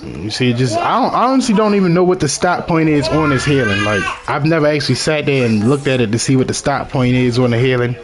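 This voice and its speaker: A man's voice: medium pitch, animated, quick pace, few pauses, a crowd in the background. Chatty Baltimore man narrating gameplay. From Baltimore, Maryland. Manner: rambling, chatty, addresses viewers as y'all. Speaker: gamer narrating his own gameplay. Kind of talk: casual gameplay commentary.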